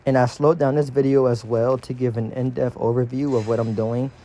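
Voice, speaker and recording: A man's voice: medium pitch, level tone, brisk, warm tone, low-quality recording. A man giving a casual, slangy exercise tutorial as a fitness instructor, his speech slightly impeded by dental braces.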